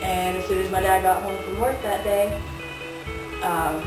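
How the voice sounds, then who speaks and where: A woman's voice: mid-range voice, steady tone, a little slow. An eighteen-year-old woman casually telling a personal story, rambling with many fillers. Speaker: vlogger. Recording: very echoey room, distant mic, music behind.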